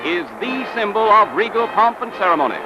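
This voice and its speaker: A man's voice: high-pitched, lively intonation, a little fast, dull audio. A man narrating an old newsreel in a grand, declamatory manner. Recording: old newsreel soundtrack with loud music.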